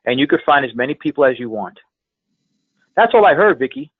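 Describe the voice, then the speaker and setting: A male sales trainer, speaking as a guest on a conference call, coaches his listeners with motivational energy, his mid-range voice swinging widely in pitch at a fairly quick pace. He's emphatic and repeats phrases for effect. There's no echo, and the telephone audio sounds tinny and band-limited.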